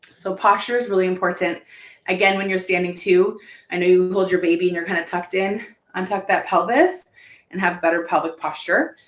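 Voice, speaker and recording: A woman's voice: fairly low pitch, fairly even intonation, fairly quick. A heavily pregnant woman, somewhat out of breath, giving a casual, informal live-stream lesson as a health therapist and checking in as she explains. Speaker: pelvic health therapist teaching. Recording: roomy, echoing sound.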